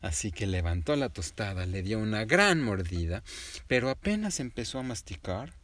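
Animated storyteller man. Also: on the low side, normal speed, no room sound. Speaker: storyteller to a child. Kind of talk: improvised bedtime story.

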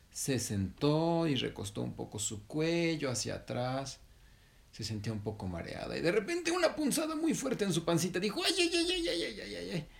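A man gently telling an improvised bedtime story to his child, pausing to correct himself. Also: medium pitch, vocal fry. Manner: gentle, unhurried, self-correcting.

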